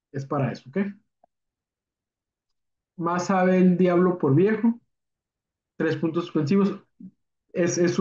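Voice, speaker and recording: A man's voice: fairly high pitch, mellow. A man, teaching a punctuation lesson in an informal, chatty way, using many fillers and tag questions. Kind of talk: recorded spelling and punctuation lesson. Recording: dull, echoey classroom audio.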